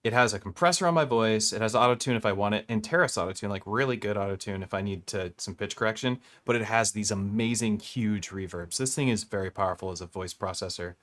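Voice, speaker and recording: A man's voice: fairly low pitch, fast, few pauses, fairly bright tone. A man talking through a vocal processor that heavily compresses his voice. He is an electronic music producer chatting casually and enthusiastically on a live stream, rambling and restarting his sentences. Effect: voice heavily compressed through a vocal effects processor.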